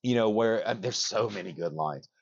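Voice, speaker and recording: A man with a fairly low voice co-hosts a casual podcast, rambling with excitement and restarting his sentences often. He swears casually as he talks. The recording is dry and a little dull. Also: normal speed, no echo. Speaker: podcast co-host. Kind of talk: casual chat.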